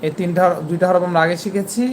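A Quran teacher giving an online lesson, patiently explaining where each letter is pronounced and repeating the sounds slowly, over a video call. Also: medium pitch, level tone, a little hiss or hum.

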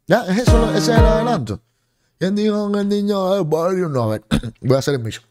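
A man's voice: high-pitched, animated, fairly quick, a little mellow, faint music behind. A young man with a Cuban accent hosts a livestream from a lit-up home room. He talks close to a large studio microphone. His tone is mocking and scolding, full of sarcastic jabs. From Cuba. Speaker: political commentary streamer. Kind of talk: livestream commentary. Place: home streaming room with colored lights. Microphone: large studio mic on a boom in front of face.

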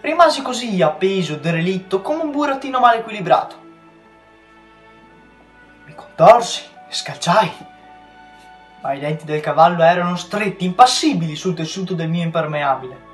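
A teenage boy, a student reader, reading a novel aloud with measured storytelling, in a roomy recording with faint music. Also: sits high, lively intonation. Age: teens.

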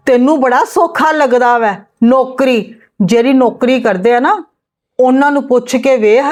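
Fed-up overworked daughter-in-law, lecturing and indignant, fairly high voice, played by a woman for a family skit. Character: overworked, fed-up young wife arguing with her in-laws.

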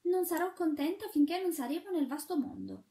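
A woman voicing a young porcelain shepherdess who is fearful and tearful, speaking in a high, plaintive, exclaiming way. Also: a little fast, warm tone, distant mic. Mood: pleading.

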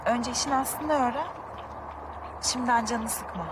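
An actress playing a gentle, reserved young wife who speaks softly and hesitantly in a TV drama. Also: female voice, fairly high pitch, measured pace, recorded from a distance, background noise, natural voice. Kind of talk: TV drama acting. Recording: voice set back from the mic.

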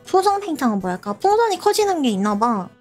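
A woman's voice: sits high, big pitch swings, fast, a little mellow, soft background music. A woman chatting casually and playfully as she streams a game. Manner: playful, giggly. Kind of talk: casual gameplay chat.

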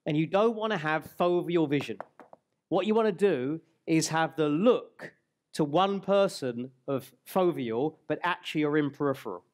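Brief: male trainer in his forties, stage seminar, slightly higher voice, headset mic, slows on key words. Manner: guides the audience through an exercise, slowing on key words. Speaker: speaker and trainer. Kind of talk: live stage seminar talk. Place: large hall stage.

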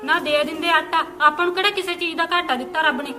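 A kind mother and wife speaks in a Punjabi accent, played by a woman. Her voice is high and quick. Music plays under her. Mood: chiding. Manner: soothing, chiding.

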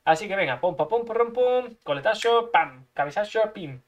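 A man's voice: sits high, animated, moderate pace. A man from commentating his own card game match, talking to himself, swearing a lot, making sound effects and breaking into frustrated outbursts. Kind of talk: gameplay commentary.

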